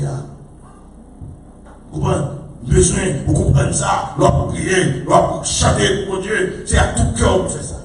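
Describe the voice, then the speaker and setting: A man with a Haitian French accent preaching a sermon, emphatic and repetitive, calling out to the congregation. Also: sits high. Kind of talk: sermon teaching. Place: church hall. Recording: echoey hall, mic far off, faint noise.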